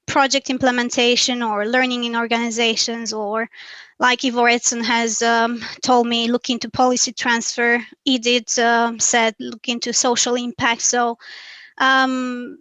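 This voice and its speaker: A woman presents a webinar talk, her fairly high voice bright and held to a narrow, even tone. She sounds reflective and earnest, weighing each point as she goes, and the recording is dry and close. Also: no room sound. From Romania. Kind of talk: academic presentation.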